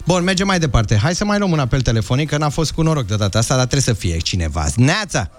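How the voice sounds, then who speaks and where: A man's voice: mid-range voice, big pitch swings, faint music behind. A man hosting a morning radio show, running a call-in game with playful banter and coaxing callers to speak up. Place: broadcast studio.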